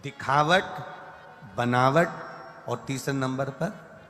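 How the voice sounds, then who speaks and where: Slow-paced male preacher in a reverberant hall. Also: medium pitch, fairly bright tone. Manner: sings verses slowly, then preaches in repeated lists. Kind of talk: devotional sermon with sung bhajan lines. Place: large outdoor religious gathering. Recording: live broadcast with long reverb and faint music.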